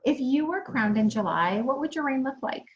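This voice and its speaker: A woman from Hawaii hosts a friendly interview, her high, animated voice moving at a normal speed with the highs cut off. She's chatty and upbeat, readily affirming her guest's answers.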